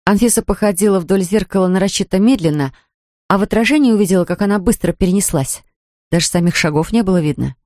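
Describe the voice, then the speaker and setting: A woman's voice: medium pitch, quick pace, mellow, no echo, studio quality. Woman reading a storybook aloud. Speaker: audiobook narrator. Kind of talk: scripted narration.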